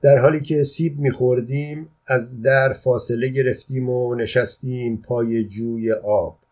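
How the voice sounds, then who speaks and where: A man narrating a literary short story as an audiobook, telling it in a plain, measured way. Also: mid-range voice, steady tone, darkish tone. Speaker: audiobook reader. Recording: dull lo-fi recording.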